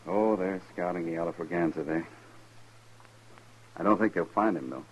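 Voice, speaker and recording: Male actor for a shrewd, polite frontier lieutenant, deep register, muffled vintage radio drama. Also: moderate pace, natural voice. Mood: knowing. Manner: polite, laconic, knowing. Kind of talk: 1950s radio western acting. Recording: muffled, noisy old radio recording.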